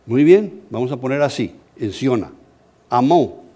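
Mellow-voiced Colombian pastor telling a story. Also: male voice, mid-range voice, unhurried. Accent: Colombian Spanish. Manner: animated, humorous storytelling. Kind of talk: storytelling sermon.

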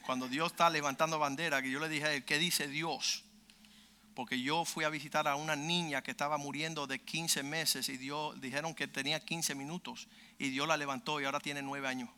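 High, bright-voiced fervent male preacher. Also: steady tone, brisk, smooth. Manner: fervent, emphatic storyteller who acts out quotes. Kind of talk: sermon with testimony storytelling.

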